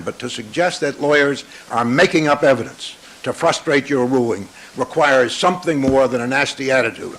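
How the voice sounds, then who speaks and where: A man serving as defense attorney, arguing formally and deliberately to the bench, heard in a courtroom recording. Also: medium pitch, a bit bright, low-quality recording. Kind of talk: courtroom argument.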